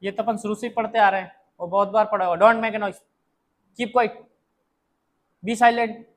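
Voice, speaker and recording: A man's voice: very high voice, low-quality recording. A man with a Hindi accent teaching a classroom English lesson, repeating points and quizzing students as he goes. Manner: slow, repetitive, drills students with questions.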